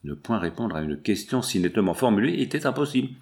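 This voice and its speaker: A man narrating a classic novel in a measured storytelling manner. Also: fairly low pitch, big pitch swings, darkish tone. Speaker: audiobook narrator. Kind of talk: scripted narration.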